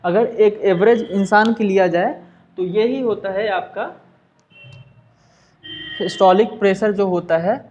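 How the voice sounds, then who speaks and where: A man's voice: sits high, a little slow, long pauses, darkish tone, highs cut off. A man teaching a science class, with a Hindi accent, who asks and answers his own questions and mixes in English terms. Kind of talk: class lesson.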